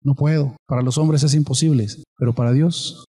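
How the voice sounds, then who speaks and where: A man's voice: mid-range voice, steady tone, fairly quick, warm tone, breathy edge, big-room sound. A man preaching a sermon as pastor, often asking his congregation questions and acting out the people in his stories.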